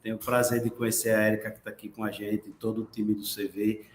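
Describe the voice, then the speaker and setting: A man from Aracaju speaks as a webinar guest. He sounds enthusiastic, though his pitch stays flat and even. His voice echoes in a roomy space over faint noise. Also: quick pace. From Aracaju, Sergipe, Brazil. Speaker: guest, real estate professional.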